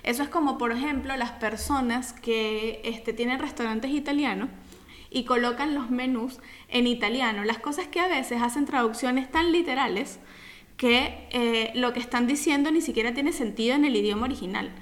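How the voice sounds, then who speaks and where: A woman's voice: a little high, moderate pace. A woman co-hosting a casual podcast, explaining points in an emphatic, teacherly way. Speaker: podcast co-host.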